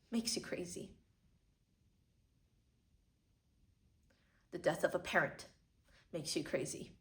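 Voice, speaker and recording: A woman performing a dramatic stage monologue as a sorrowful, bitter tragic heroine, intense and swinging between hushed and forceful delivery. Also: mid-range voice, natural voice. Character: Rose, sorrowful, bitter woman haunted by poverty and madness. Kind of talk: dramatic monologue, theatrical acting.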